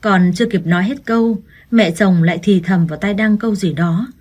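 A woman reads an audiobook story in a calm, steady storytelling voice. Her tone is husky and slightly breathy, at a medium pitch. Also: fairly quick. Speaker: narrator.

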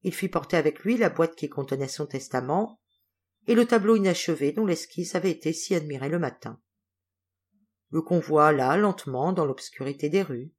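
A woman reading a classic novel aloud as an audiobook narrator, with a measured, expressive delivery. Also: low-pitched, slightly rough. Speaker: audiobook reader.

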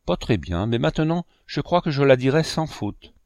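A man voicing a sickly young boy who pleads in a halting way, in a storybook reading. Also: mid-range voice, big pitch swings, darkish tone, no echo. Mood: pleading. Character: sickly young boy, timid then eager.

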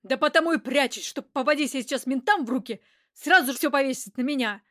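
A woman reading an audiobook, voicing a rough, hot-tempered man who shouts and talks coarsely. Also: high voice, fast talker, no echo, studio quality. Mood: gruff. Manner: shouting, coarse street talk.

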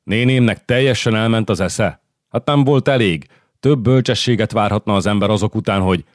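A man's voice: fairly low pitch, dry recording, studio quality, pitched above the performer's own voice, close to an everyday voice. A male narrator voicing a young scheming count who speaks indignantly and coldly, in an audiobook. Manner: indignant, cold.

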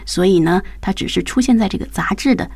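A woman's voice: mid-range voice, fast, vocal fry, darkish tone, no room sound. A woman co-hosting a bilingual radio English lesson, chatty, summing up and rephrasing the points made. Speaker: radio co-host.

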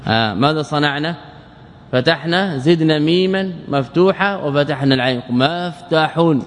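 A man with a fairly high voice leads a classroom lesson on word forms. He asks his class questions, answers them himself, and lingers over each pattern he spells out. His voice carries a long hall reverb. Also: a little hiss or hum. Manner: quizzes listeners and answers his own questions, drawls out word patterns slowly. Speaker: teacher of Arabic morphology. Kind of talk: classroom lesson explaining a verse text.

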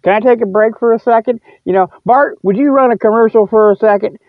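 Fast-talking and high-pitched, this podcast host delivers a rambling, casual solo monologue that's folksy, repetitive and full of stops and starts. No echo is present, and the sound is narrow, like a phone.

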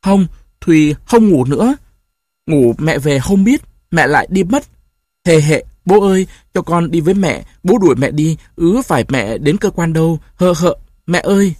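A man voicing a small boy who cries and begs for his mother in a high, whining voice. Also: sing-song, measured pace, darkish tone, no room sound, clean studio sound. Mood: wailing. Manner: high, whining, tearful pleading.

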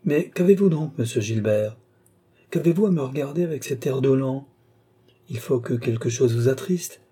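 A man's voice: medium pitch, animated, normal speed, dark tone, slightly rough. A man voicing a proud, scornful young noblewoman with haughty, cutting retorts.

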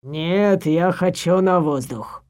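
Woman putting on a low hushed middle-aged man, dark voice, slow murmur, audiobook. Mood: tense hushed. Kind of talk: audiobook character voice.

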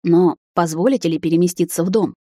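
A woman reading as a calm male vampire lord. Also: on the low side, no room sound, clean studio sound, lightly acted. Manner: measured, quiet and courteous.

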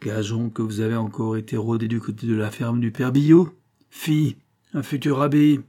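A man's voice: mid-range voice, flat delivery, normal speed, natural voice. A man voicing an old spinster aunt, pious and suspicious, who scolds and accuses her nephew in a storybook reading. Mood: scolding. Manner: sharp, accusing, sermonizing.

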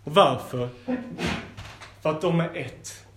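A man teaching a Bible school lesson, reading scripture aloud and adding lively, playful asides. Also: on the high side, slight background noise.

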